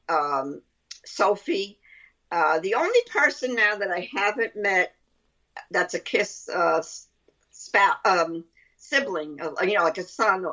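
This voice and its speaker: A woman's voice: lowish voice, bright, forceful tone. A woman with a Brooklyn accent chatting casually as an interview guest, rambling and often repeating her phrases. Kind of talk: casual chat. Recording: dull lo-fi line.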